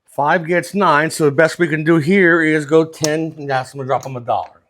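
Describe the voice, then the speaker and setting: A man's voice: a little high, fairly even intonation, normal speed, a bit bright. A plain-spoken man working as a craps dealing instructor, explaining things step by step in a casual, hands-on teaching style.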